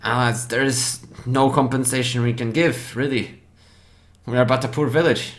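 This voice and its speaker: An evasive village elder, guarded and weary, stumbling through halting denials in a tabletop game, as a man puts him on. His voice is of ordinary pitch for a man. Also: steady tone, close to an everyday voice.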